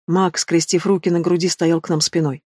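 A woman narrating a first-person storybook in a steady, measured reading. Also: on the low side, breathy edge, dry recording, clean studio sound. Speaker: audiobook narrator.

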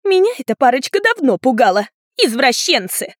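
Female narrator doing a screeching spiteful big sister, very high and loud, audiobook. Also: sing-song, moderate pace, no echo, clean studio sound. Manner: shrieking, screeching. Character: shrill scandalized older sister, young woman.

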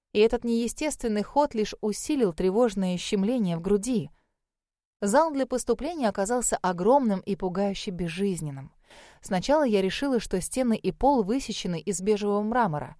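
Female audiobook narrator, even steady read, mid pitch, dry booth sound. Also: dry recording. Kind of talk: first-person audiobook narration.

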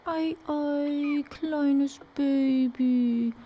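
A reader voicing a motherly young girl who coaxes a baby in a soft, sing-song, half-whispered way. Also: sits high, fairly even intonation, extremely slow, slight background noise, pitched above the performer's own voice. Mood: cooing. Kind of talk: radio reading.

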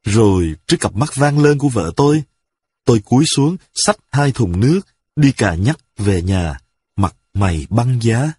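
A man reads a comic story aloud in the first person, his voice husky. His pitch swings widely as he tells it with lively expression. The sound is dry and close. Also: measured pace, no room sound. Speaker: narrator. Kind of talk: storytelling reading.

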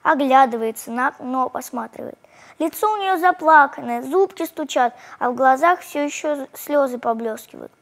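A woman reading a children's story aloud in the first person, expressive and animated. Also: high-pitched, normal speed, creaky.

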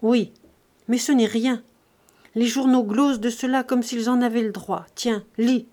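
A woman's voice: a little high, fairly even intonation, unhurried, dark tone, close to an everyday voice. A woman reading an audiobook, voicing a cold, calculating old miser who speaks bluntly and matter-of-factly. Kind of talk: audiobook reading of a classic novel.

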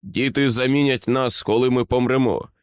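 A man reading aloud, playing a stern middle-aged general who talks in a clipped, commanding, measured way. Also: mid-range voice, fairly even intonation, clear, resonant tone, dry recording, clean studio sound, lightly acted. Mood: menacing.

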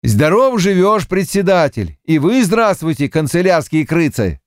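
A man's voice: fairly high pitch, big pitch swings, unhurried, no room sound, clean studio sound, voice pushed up. A man voicing a crafty, weathered Cossack farmer who spins boastful, mock-aggrieved tales. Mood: folksy.

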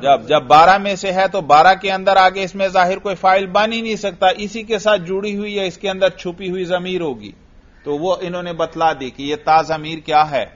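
A man teaching an Arabic grammar lesson, questioning a student and repeating the answers. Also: high voice. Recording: dull lo-fi audio.

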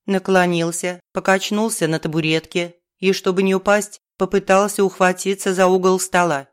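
A woman narrating a first-person audiobook in a wry, brisk storytelling manner. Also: on the low side, little pitch movement, clean tone.

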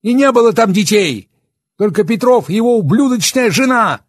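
A man voicing a furious, bitter young man who shouts and sneers. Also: high voice, animated, normal speed, slightly rough, dry recording, clean studio sound, pitched above the performer's own voice. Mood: raging. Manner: shouting, raging, bitter sarcasm.

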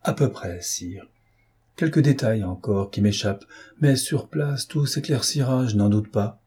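A suave gentleman thief who mocks his captors with breezy confidence, voiced by a male reader. His tone stays low and husky, with a dark, mellow timbre. It is an audiobook reading. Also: unhurried. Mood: ironic. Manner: mocking, breezy. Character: gentleman thief, ironic, self-assured, suave.

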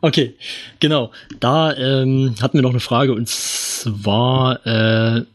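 A man's voice: mid-range voice, fairly even intonation, slow, no room sound, studio quality. A man co-hosting a casual chat, asking questions with short, agreeable prompts. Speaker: co-host reading viewer questions.

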